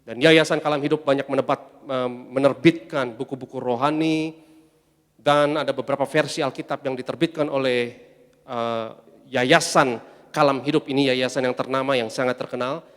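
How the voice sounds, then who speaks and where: A man's voice: medium pitch, steady tone, moderate pace, long reverb tail. A man preaching a sermon as pastor, emphatic, calling on the congregation to answer back. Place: large church hall.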